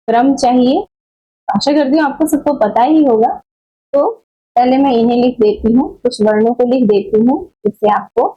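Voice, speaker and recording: A woman teaching a Hindi grammar lesson, explaining slowly and deliberately and correcting common mistakes. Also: high voice, muffled recording. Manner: slow, deliberate explaining with repeated checks; corrective, scolding about wrong teaching. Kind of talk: exam-prep grammar lesson.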